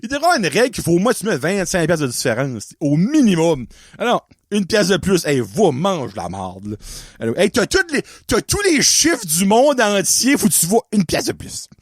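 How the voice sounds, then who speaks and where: A man's voice: high voice, big pitch swings, normal speed, dry recording, studio quality. A man with an Acadian French accent hosting a podcast in casual chat, rambling, swearing freely and wandering off on tangents. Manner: rambling, profane, goes off on tangents. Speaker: podcast host.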